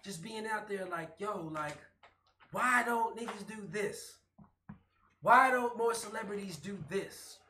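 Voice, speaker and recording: A man's voice: high-pitched, measured pace, bright, forceful tone. A man hosting a casual group show with frat-bro buddy hype, speaking emphatically and repeating phrases. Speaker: host of a pregame show. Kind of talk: casual hyped group banter to viewers. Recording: roomy echo, clear background noise.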